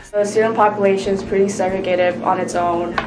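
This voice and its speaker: A woman's voice: mid-range voice, little pitch movement, a little fast. A young woman from Hong Kong, a student, answering interview questions in a casual way with lots of "like". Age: young adult. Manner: casual, uses "like" often. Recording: echoey room with background noise.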